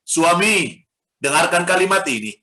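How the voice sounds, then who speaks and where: Middle-aged male pastor, lively humorous sermon delivery, bright tone, roomy hall. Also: high-pitched, normal speed. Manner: animated preaching with rhetorical questions and humor. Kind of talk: sermon to a congregation. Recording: echoey hall sound.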